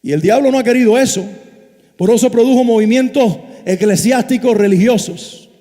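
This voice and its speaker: A man, a pastor preaching a passionate sermon that swings between loud and hushed. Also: extremely high pitch, normal speed. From Cuba. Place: church sanctuary. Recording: reverberant church hall.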